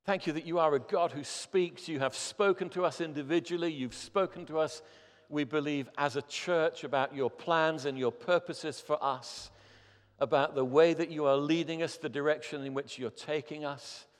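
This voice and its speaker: A man's voice: a little high, normal speed. A man in his fifties preaching a sermon as a pastor, earnest and building to emphatic appeals. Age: 50s. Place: church hall. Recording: long hall reverb.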